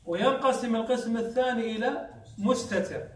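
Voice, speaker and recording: High-voiced man teaching grammar, echoey. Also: brisk. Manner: asks questions and answers them himself. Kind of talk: classroom lesson. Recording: echoey room, mic far off.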